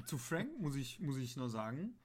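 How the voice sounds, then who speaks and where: A man's voice: mid-range voice, very animated, moderate pace. A man chatting casually about a radio play, rambling with many fillers and briefly acting out lines he quotes. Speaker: podcast co-host.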